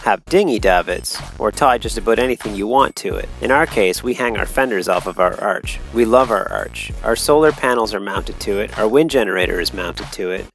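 A man in his thirties giving calm, measured, instructive voice-over narration for a sailing vlog. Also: lowish voice, vocal fry. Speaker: sailing vlogger.

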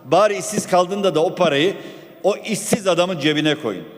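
A man's voice: high-pitched, normal speed. Combative man at a parliament lectern microphone. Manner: combative, accusing the ruling side. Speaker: member of parliament giving a floor speech. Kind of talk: parliamentary floor speech. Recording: long hall reverb in a parliament chamber.

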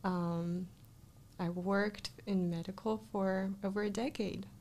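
Sitting close to a studio microphone with headphones in a small indoor podcast studio, a life coach from Russia, born in Kazakhstan, shares her personal story as a guest in a casual interview. She speaks with a Russian accent in a slow, steady, slightly mellow mid-range voice.

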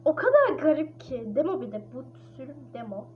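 Really high-voiced woman freaking out over a horror game, panicky chatter, muffled hissy mic. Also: sing-song, brisk. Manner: jumpy, panicky, exclaiming. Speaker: gamer. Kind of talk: casual let's-play commentary. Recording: dull lo-fi mic with clear hiss.

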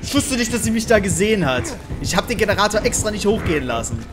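A young man commentating his own gameplay, excitable, with panicked yelps and English words mixed into his speech. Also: high-pitched, fast. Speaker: gamer. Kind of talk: let's play commentary. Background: game music.

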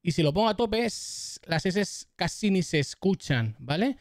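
Young-sounding male streamer, slightly high voice, dry close mic, casual how-to patter. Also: big pitch swings, normal speed, darkish tone, no echo. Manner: chatty, addresses viewers as "chavales" and "familia"; repeats test phrases into the mic. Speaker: tech YouTuber giving mic setup tips. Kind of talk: casual tutorial. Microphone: close studio dynamic microphone.

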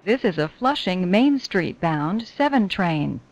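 Woman making slow, lively-pitched subway announcements. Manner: measured, formulaic delivery. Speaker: train announcer. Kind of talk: scripted subway station announcements.

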